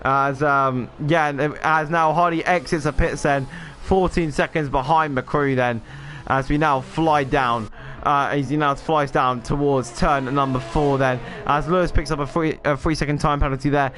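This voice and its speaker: A man's voice: a little high, fairly even intonation, normal speed, a bit bright. A man commentating a sim racing stream, rambling with lots of fillers and self-deprecating asides. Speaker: lead race commentator.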